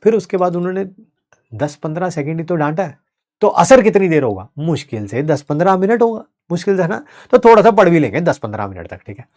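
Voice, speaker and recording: A male chemistry teacher with a slightly high voice explains in a chatty, lively lecture. He mixes English technical terms into his talk and keeps asking students if they follow. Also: fast talker. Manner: conversational, mixes English terms, asks "है ना?" often.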